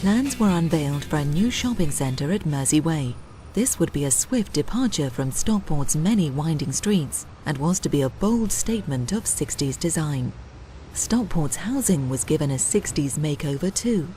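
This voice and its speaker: A woman's voice: sits low, expressive, normal speed, mellow, slight background noise. A woman reading scripted narration for a historical documentary.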